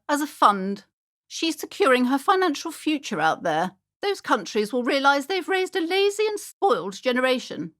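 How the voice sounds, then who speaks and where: This high, swooping voice belongs to a prim middle-aged bookshop owner, a strict and superstitious mother who is haughty and easily offended. The delivery is theatrical video game acting, heavily acted and a bit bright, full of emphatic turns.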